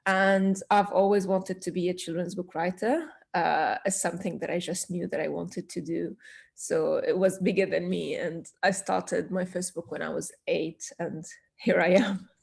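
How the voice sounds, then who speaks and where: Low, gravelly Syrian-born woman author. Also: fairly even intonation, moderate pace, a little mellow. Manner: earnest, passionate, with small restarts. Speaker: children's author, guest. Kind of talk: conversational interview answers.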